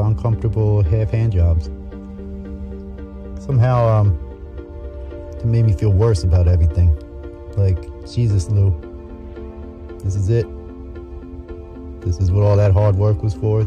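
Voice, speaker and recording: Guy playing a beat-down dad muttering to his journal, lowish voice, dull sound, music playing behind. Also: fairly even intonation, a little slow, long pauses, lightly acted. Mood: deflated. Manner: rambling, muttering, wry self-talk. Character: weary married factory worker journaling, man. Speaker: journal writer. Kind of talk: voice-over journal entry.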